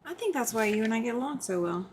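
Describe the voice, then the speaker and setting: A woman's voice: a little high, sing-song, fast, a crowd in the background. Chatty woman hosting a late-night stream. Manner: chatty, greets viewers by name, laughs often. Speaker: livestream host. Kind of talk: casual livestream chat.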